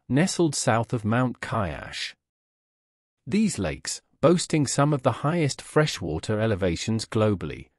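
Man, scripted documentary narration, measured delivery, lively pitch, dry close sound. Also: no room sound.

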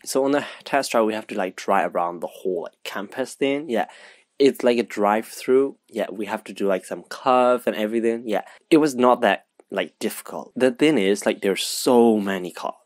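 A young man telling a rambling, excited storytime vlog, with lots of fillers. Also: fairly low pitch, no echo. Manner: excited, rambling, heavy use of "like". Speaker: vlogger.

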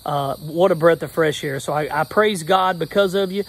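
A man's voice: on the high side, normal speed, slightly rough. A man, a pastor giving an earnest, upbeat update in a casual selfie video, recorded outdoors in a backyard on a phone held at arm's length. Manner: earnest, upbeat, rhythmic preacher's phrasing.

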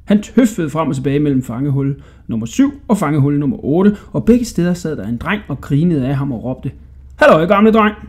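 A man narrating a children's bedtime audiobook in an expressive storytelling manner. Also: on the high side, hardly any pauses. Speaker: audiobook reader.

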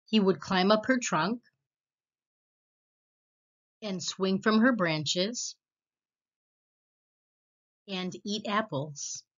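A woman reads a children's storybook aloud as the host, her medium-pitched delivery expressive and deliberate. The sound is slightly muffled.

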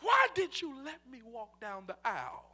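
A male pastor delivering a fiery sermon, his voice high, bright and forceful, rising to shouts then dropping low. He preaches slowly in a chanting cadence with wide, lively swings of pitch, and faint music plays behind him. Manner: fervent preaching, swinging between shouts and hushed near-whispers.

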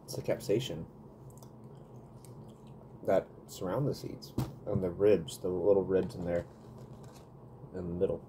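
A man's voice: low-pitched, flat delivery, a little slow, pauses often, noisy background. A man in his thirties reviewing food in a casual vlog, talking between bites and humming as he tastes, recorded on a webcam in a small room. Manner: chatty, eating while talking, smacking and humming. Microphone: webcam at desk.

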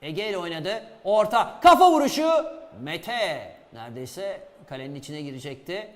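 A man giving excitable live play-by-play commentary on a football match. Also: on the high side, normal speed, background noise. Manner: excitable, shouts at goals and chances. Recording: reverberant hall sound.

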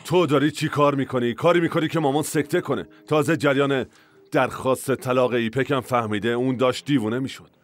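A man's voice: mid-range voice, fairly even intonation, lightly acted. A man dubbing an exasperated older brother pleading about family and business in a TV drama. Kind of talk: Persian dub of a TV drama.

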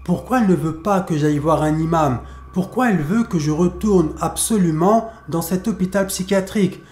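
A man's voice: high voice, normal speed, a little mellow, reverberant, close to an everyday voice. A man storyteller voicing a troubled husband who is puzzled by his wife and sets his mind firmly. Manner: puzzled, then stubborn and decisive. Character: troubled, stubborn middle-aged husband.

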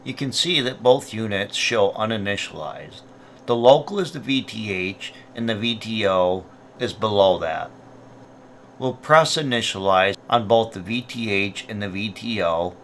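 In a lowish, sharp-toned voice, a man narrates a product tutorial, walking through each step plainly and methodically. A faint hiss or hum sits under the recording.

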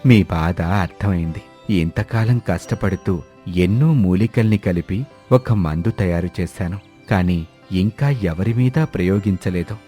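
A grave, sorrowful old herbal healer from a cartoon storybook, voiced by a male narrator. He talks low and slow, as if weighed down. Faint music plays behind him. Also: dark tone. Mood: gloomy.

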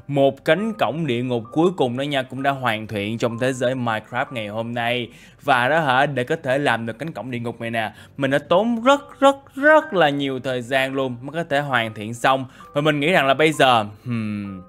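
A man doing chatty, excitable game role-play commentary with lots of filler tags. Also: medium pitch. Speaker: gaming YouTuber.

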